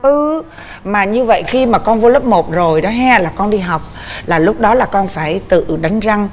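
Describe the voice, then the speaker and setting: A Southern Vietnamese woman hosts a TV couples show from the studio. She speaks in a mid-range voice and talks in an animated, coaxing, motherly way as she gives advice. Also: medium pitch, moderate pace, a little hiss or hum. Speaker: talk show host. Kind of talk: warm advice and coaxing talk.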